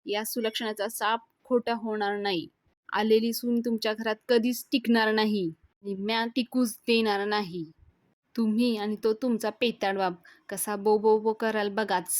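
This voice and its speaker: A woman's voice: mid-range voice, level tone, a little slow, no echo, studio quality, lightly acted. A woman voicing a spiteful, scheming woman of the house, muttering threats. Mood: threatening.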